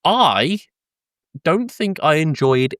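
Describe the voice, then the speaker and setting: A young British man co-hosts a casual podcast, rambling through an anecdote full of swearing, laughter and ums. His fairly high voice is sing-song, slow and a bit bright, captured by a close podcast mic with a dry, clean studio sound.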